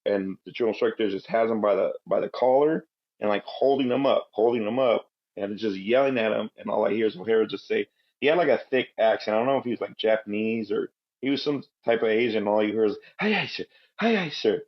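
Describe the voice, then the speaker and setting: A Guatemalan-born Marine veteran raised in Southern California, now in his thirties, guests on a podcast and tells stories in a relaxed, rambling manner. His fairly low voice moves briskly, and the sound quality is lo-fi.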